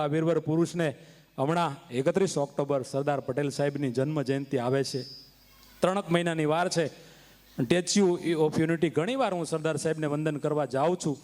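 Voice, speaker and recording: A man with a Kathiawadi Gujarati accent telling stories from a stage, oratorical and emphatic, building to forceful declarations. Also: high-pitched. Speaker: stage comedian and storyteller. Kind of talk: live folk stage storytelling. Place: stage before an audience. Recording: reverberant live stage hall.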